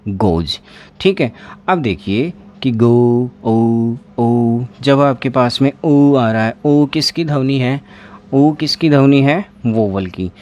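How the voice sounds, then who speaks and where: A man's voice: medium pitch, darkish tone. A man teaching an exam-prep pronunciation lesson, repeating words and asking his class questions as he writes at a board.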